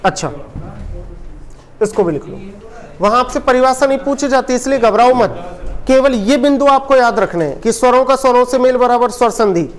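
Speaking at normal speed in an extremely high-pitched voice, a male Hindi teacher leads a coaching class. His lecture relies on call-and-response drilling: he keeps questioning the students and then answering for them.

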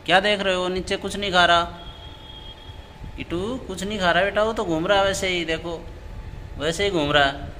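A man's voice: high-pitched, steady tone, normal speed, pauses often, bright, forceful tone, in a large hall, slight background noise. A man filming his pet parrots at home, talking to them in coaxing, sing-song baby talk. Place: inside a home.

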